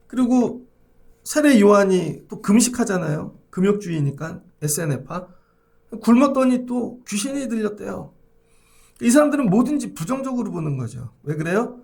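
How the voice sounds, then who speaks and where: A male pastor delivers an early-morning sermon in a somewhat high, gravelly voice. He presses the congregation with rhetorical questions and acts out prayers along the way. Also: a little mellow. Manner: acts out prayers and quoted speech in his preaching.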